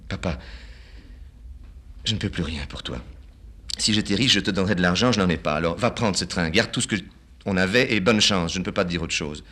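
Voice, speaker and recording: A man voicing a young musician in a dramatic play reading, speaking calmly and firmly. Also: brisk, long pauses. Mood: resolute. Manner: calm, low-key, firm. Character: young male musician, quiet, resolute.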